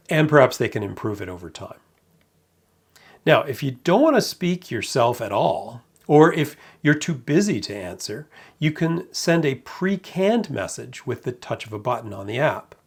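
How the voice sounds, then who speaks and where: A man narrating a product review in a measured, matter-of-fact way with light amused asides. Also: mid-range voice, lively intonation, creaky, breathy edge.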